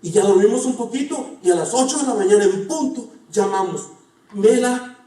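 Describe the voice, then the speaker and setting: A man's voice: high-pitched, lively intonation, fairly quick, mellow. A middle-aged man preaching a sermon, earnest, telling stories and asking the congregation questions. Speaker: pastor. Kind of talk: sermon with personal storytelling. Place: church sanctuary. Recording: echoey church hall from far off.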